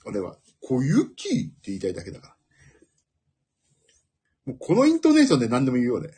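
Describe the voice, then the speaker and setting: A man's voice: mid-range voice, huge pitch swings, quick pace, warm tone, breathy edge. A man hosting a casual solo talk show, rambling from one thought to the next and laughing at his own jokes. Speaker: podcast host.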